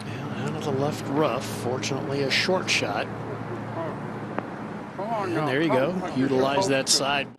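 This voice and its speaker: A man's voice: medium pitch, a little slow, pauses often. A man giving conversational golf analysis in an informal, explanatory way. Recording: outdoor broadcast with loud background noise. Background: loud outdoor ambience.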